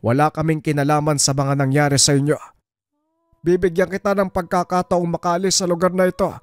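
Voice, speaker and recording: A man voicing a gentle old village man who speaks in a measured, pleading way. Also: on the high side, level tone, no room sound, clean studio sound, voice pushed up, lightly acted. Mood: calm pleading.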